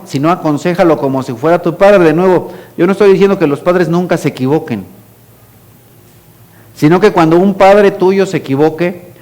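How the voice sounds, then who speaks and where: A middle-aged man with a Mexican Spanish accent, preaching a sermon as pastor in a conversational way, dropping to a hushed voice for quoted lines. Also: fairly high pitch.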